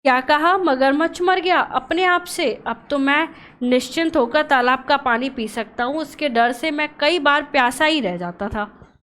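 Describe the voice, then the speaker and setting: Woman doing male jackal, clever, wary, sly, fakes grief, high voice, storybook play. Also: measured pace, a bit bright. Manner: sly, pretends to grieve. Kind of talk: reading a storybook play aloud.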